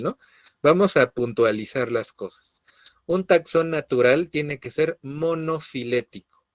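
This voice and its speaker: A middle-aged man lectures a class, laying out definitions patiently and pausing often to check that his students follow. His voice sits at an ordinary pitch for a man. The sound is dry, with no room echo. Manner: explanatory, checks in with frequent "¿sí?". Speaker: university lecturer.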